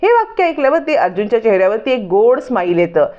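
A woman with a fairly high voice runs through a serial episode as a casual recap, slipping in the characters' lines as she goes. The recording sounds dull and lo-fi. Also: very animated, mellow. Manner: retells scenes quickly, voicing each character's lines.

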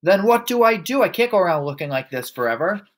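A blustering, hot-tempered storybook father, performed by a male reader. He yells indignantly, with pitch pushed up and swinging widely. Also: sing-song, fast talker. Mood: frantic. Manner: loud yelling, indignant.

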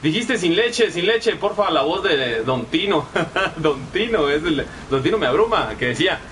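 A man's voice: a little high, expressive, normal speed, a bit bright, a little hiss or hum, low-quality recording. A young man with a Guatemalan Spanish accent giving profane, chatty live gameplay commentary and reading chat messages aloud. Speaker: gaming streamer.

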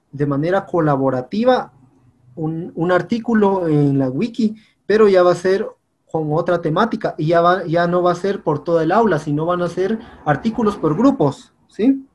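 High-voiced teacher man. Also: darkish tone. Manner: patient, repeats "compañeros" and "¿sí?" often. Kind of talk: online class instructions.

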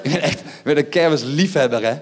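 Male stand-up comic, high-pitched voice, loud and mocking, teasing the crowd from a theatre stage. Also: fast, noisy background. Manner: loud, mocking, goading the audience with rhetorical asides. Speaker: stand-up comedian. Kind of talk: live stand-up performance.

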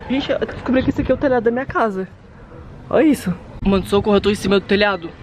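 A young man with a Brazilian accent and a somewhat high voice vlogs into a handheld camera. He talks excitably and theatrically, always turning to his audience, over a light background hiss. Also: racing. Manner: excitable and dramatic, constantly addressing viewers. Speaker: vlogger. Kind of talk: casual vlog talk to viewers.

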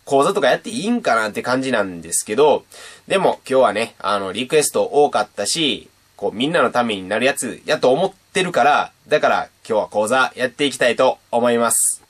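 Animated young man. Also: medium pitch. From Japan. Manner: chatty and animated, demonstrating sounds. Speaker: beatbox teacher and channel host. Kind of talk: casual video lesson.

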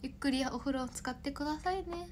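Talking a little fast in a high voice, a young idol in her twenties hosts a casual livestream with slight background noise. She wanders from topic to topic, laughs frequently and responds to viewer comments.

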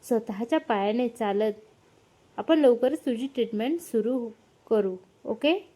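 A kind young husband in a hurry, brisk yet reassuring, as a woman narrator puts him on. The voice stays high and mellow. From a family story read aloud. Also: lively intonation.

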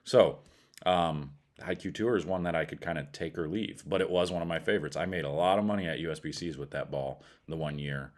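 In a low voice and at a brisk clip, a middle-aged bowling ball reviewer with an American accent gives his casual, no-nonsense take on a product, using plenty of colloquial speech.

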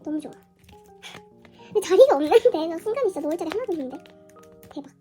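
Vlogger, female, voice-changed into a very high chipmunk pitch, hoarse underneath, gushy, music bed behind. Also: lively intonation, fast, warm tone. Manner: squeals and gushes often. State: hoarse from illness. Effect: pitch-raising voice changer. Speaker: album unboxing vlogger. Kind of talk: casual excited unboxing chat.

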